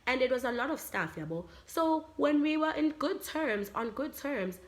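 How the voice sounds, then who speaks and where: Animated South African woman telling a story. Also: sits high, normal speed. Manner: animated, acts out quotes, mixes in Zulu phrases. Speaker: vlogger. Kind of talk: storytime vlog.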